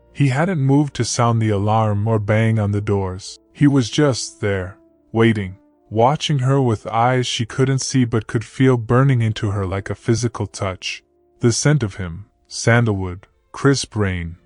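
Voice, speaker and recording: A man narrating a romance story in a slow, dramatic, lingering delivery. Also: fairly low pitch, a little mellow, no echo.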